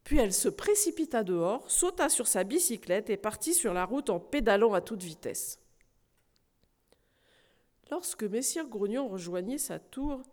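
A woman preaching who reads a storybook aloud slowly and expressively to a congregation in a church hall. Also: mid-range voice. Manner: slow, expressive reading. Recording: reverberant hall.

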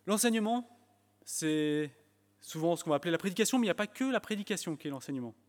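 A man's voice: high-pitched, expressive, fast talker. A man preaching a sermon in French with an English accent, emphatic at times and restarting his phrases with fillers. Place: church hall. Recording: long church hall reverb.

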